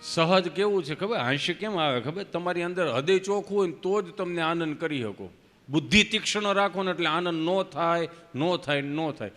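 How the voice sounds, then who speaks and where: Bright high-voiced comedian. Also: male voice, moderate pace. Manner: chatty storyteller, moralizing asides. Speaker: stage comedian. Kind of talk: live stand-up folk comedy. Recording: long hall reverb, faint music.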